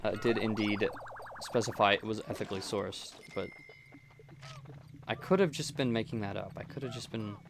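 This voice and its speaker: A man giving relaxed, rambling gameplay commentary, often correcting himself as he talks into a close microphone. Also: on the low side, normal speed, vocal fry, long pauses, over music. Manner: rambling, self-correcting, chatty. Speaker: gameplay streamer. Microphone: close desk microphone.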